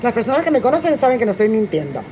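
A middle-aged woman with a Mexican Spanish accent who is tipsy and high, rambling and cracking crude jokes on a cooking livestream from her home kitchen. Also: sing-song, very fast, dark tone, a little hiss or hum. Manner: crude, joking, rambling storyteller. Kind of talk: casual livestream chat while cooking.

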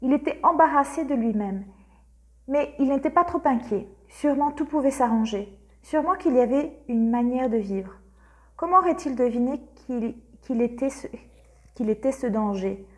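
A woman narrating a literary audiobook in a measured, expressive way. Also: high-pitched. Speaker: audiobook reader.

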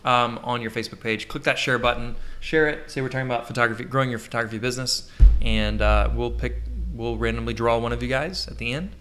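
A man's voice: mid-range voice, fast talker, hardly any pauses. Joking, rambling male podcast host. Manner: jokey, rambling, animated. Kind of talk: casual live podcast banter.

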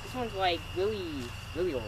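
A man's voice: high voice, fairly quick. A man chatting casually outdoors in a slangy, exclamatory way while exploring with companions. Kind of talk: casual chat. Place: outdoors in a graveyard at night. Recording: noisy outdoor camera recording.

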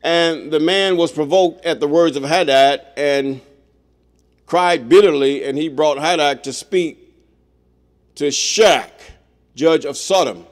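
A middle-aged man reading scripture aloud and breaking in with his own blunt comments. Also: fairly high pitch. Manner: reads slowly, breaks in with blunt asides.

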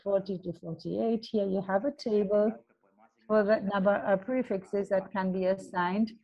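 A woman's voice: medium pitch, warm tone. Woman explaining tech step by step, muffled. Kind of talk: technical presentation. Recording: dull lo-fi webinar audio.

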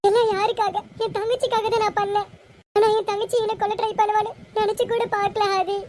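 A woman doing a heartbroken young wife, very high voice. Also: level tone, fast talker, darkish tone, a little hiss or hum. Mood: hurt, pleading. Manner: pleading, tearful. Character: distraught young wife betrayed by her sister. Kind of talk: amateur Tamil serial voice acting.

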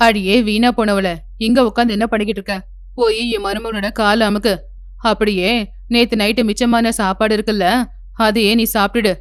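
A woman voicing a harsh, stingy mother-in-law in a cartoon story, with a sharp, bossy, scolding manner. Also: medium pitch, level tone, a little fast, no room sound, clean studio sound, soft background music, lightly acted. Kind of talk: cartoon voice acting.

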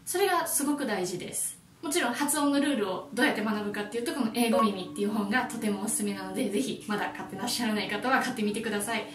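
A Japanese woman who teaches English, giving a friendly and lively YouTube lesson. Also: on the high side, very fast, hardly any pauses, echoey room, far from the mic.

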